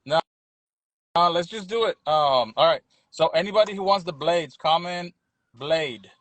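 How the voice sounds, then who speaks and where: A man's voice: fairly high pitch, unhurried, a bit bright, no room sound, poor audio. A man co-hosting a livestream, chatting casually and joking around, at times mimicking an auctioneer. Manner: jokey, hams it up like an auctioneer. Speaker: livestream co-host.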